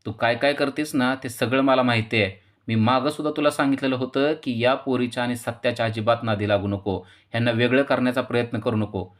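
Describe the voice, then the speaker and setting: A stern older man scolding his family in a loud, rising voice, as a male narrator puts him on. His anger climbs from line to line, sharp and commanding. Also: mid-range voice, steady tone, a little fast, natural voice. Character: angry elderly man, stern family head.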